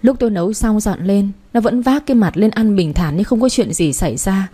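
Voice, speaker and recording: Female storyteller, first-person narration, warm and mellow, steady delivery. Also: mid-range voice, a little fast, husky.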